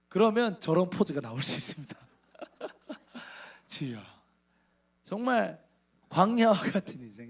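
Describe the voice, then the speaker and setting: Male preacher, thirties, high-ish animated voice, comic storyteller who plays every part. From Korea. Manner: humorous, acts out dialogue, laughs often. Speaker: missionary staff preacher. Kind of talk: storytelling sermon.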